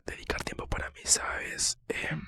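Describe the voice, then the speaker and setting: A man whispers casually in an ASMR style, close to the microphone. The whisper is very bright and sibilant, with hardly any voiced tone. He talks in a personal, slightly hesitant way, pausing softly as he thinks. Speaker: ASMR creator answering viewer questions.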